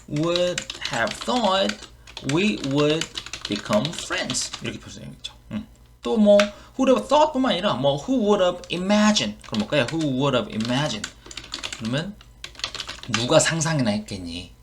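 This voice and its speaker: A man's voice: on the high side, slight background noise. A man with a Korean accent teaching English expressions in an online lesson, repeating each phrase and explaining it.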